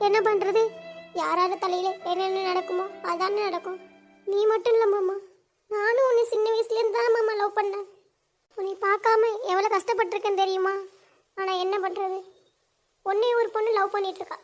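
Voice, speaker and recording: A woman voicing a gentle, lovesick young village woman in a cartoon, speaking softly and sorrowfully. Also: very high-pitched, level tone, normal speed, long pauses, soft background music. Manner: soft, sorrowful.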